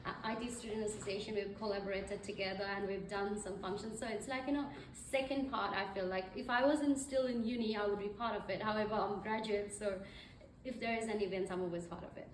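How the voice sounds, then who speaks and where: Heard from a distance in an echoey event hall, a young Nepali guest speaker talks quickly and steadily in a mid-range voice. Her speech is conversational and full of fillers, with slight background noise.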